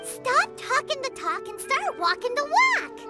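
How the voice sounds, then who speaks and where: A woman voicing an excitable, brash, childlike floating fairy companion in a video game, with a squeaky little-girl voice. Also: unhurried, loud music behind the voice, full character voice. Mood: cheeky. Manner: bubbly, brash, speaks of self in third person. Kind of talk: video game character acting.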